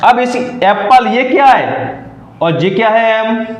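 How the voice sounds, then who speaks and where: High-voiced male teacher in an echoey room. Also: expressive, slow pace, dull audio. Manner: repeats questions and answers them himself. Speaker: English teacher. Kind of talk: classroom lesson.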